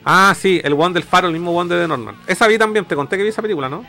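A man's voice: sits high, very fast, creaky, sharp tone. A Chilean man co-hosts a stream in a loose, slangy chat. He keeps restarting sentences as he gropes for words. Faint guitar music plays underneath. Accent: Chilean Spanish. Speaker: streamer co-host. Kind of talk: casual chat.

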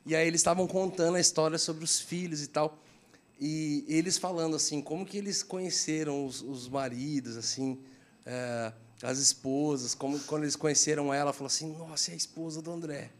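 A man's voice: fairly high pitch, steady tone, moderate pace. A man with a Brazilian accent, a podcast host talking casually in a slangy, rambling way. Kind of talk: casual chat.

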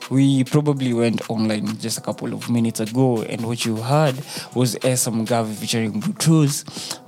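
A man's voice: mid-range voice, a little mellow. Kenyan man hosting casual radio over music. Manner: playful, repeats phrases for emphasis. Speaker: radio show host. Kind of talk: casual radio chat with slang. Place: radio studio. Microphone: studio microphone. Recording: music playing behind the voice.

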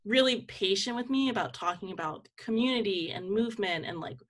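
A young woman with a mid-range, fairly bright voice talks fairly quickly as an interview guest. She's a community organizer and campaign manager, and her manner is informal and reflective, with "like" scattered all through her sentences.

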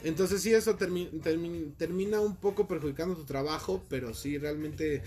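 A man's voice: on the high side, normal speed, warm tone. A man with a Mexico City accent, a podcast guest chatting casually and swearing freely about call center work. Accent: Mexico City Spanish. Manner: slangy, swears freely, acts out quoted voices.

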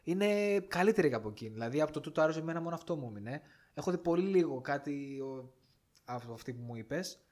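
A man's voice: on the high side, lively intonation, a little mellow. A young man in a casual conversation, emphatic and interrupting, stretching out his stressed words. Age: young adult. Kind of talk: casual chat about films.

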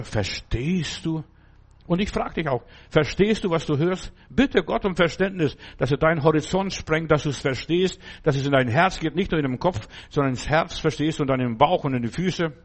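Older man preaching, forever asking "verstehst du?". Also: a little high. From Germany. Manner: conversational, keeps asking "verstehst du?". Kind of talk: informal sermon.

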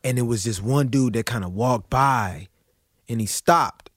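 A man's voice: mid-range voice, measured pace, no echo. Man telling stories in casual, slangy chat. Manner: animated storyteller with frequent slang tags. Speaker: podcast guest.

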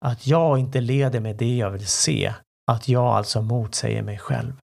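A man who works as a life coach, hosting his own self-help podcast in a calm, reflective way and speaking straight to the listener. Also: mid-range voice, creaky.

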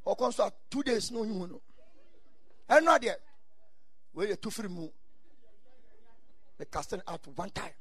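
A man's voice: extremely high pitch, fairly bright tone, no echo. A man with a Ghanaian accent preaching a sermon in exhorting, repeated short phrases, mixing English with Ghanaian Pidgin and Twi.

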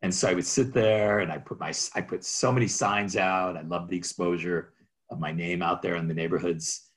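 A man who works as a real estate agent, telling rambling, animated stories about his career in an interview. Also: low-pitched, moderate pace. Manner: rambling, restarts, animated anecdotes. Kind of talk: storytelling in an interview.

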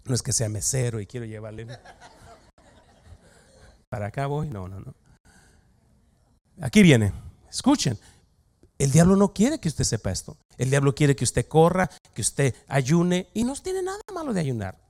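A male pastor preaches to his congregation with a gravelly, slightly rough edge to his voice. He talks in a lively, joking way and acts out the voices he quotes. His voice sits in an ordinary middle pitch. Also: normal speed, long pauses. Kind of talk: humorous sermon.

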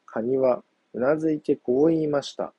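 A man narrating a children's folk tale in a gentle, unhurried reading voice. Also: mid-range voice, slightly rough, no room sound, highs cut off. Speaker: storyteller.

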